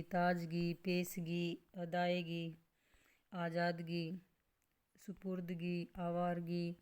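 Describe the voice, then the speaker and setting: A woman leads a grammar lesson, going through word lists item by item. Her voice sits a little low, and she speaks very slowly and deliberately, coughing now and then. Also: darkish tone. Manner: slow, listing words one by one with explanations. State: coughing at times. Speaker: Hindi grammar teacher. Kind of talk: slow classroom-style grammar lesson.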